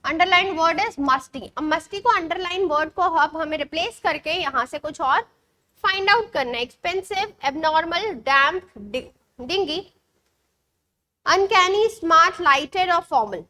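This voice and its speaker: A woman's voice: extremely high pitch, bright, forceful tone. A young woman with an Indian accent teaching an exam-prep English lesson online, mixing Hindi and English and checking in with her students often. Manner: switches between Hindi and English, reads passages slowly; checks in often with short questions.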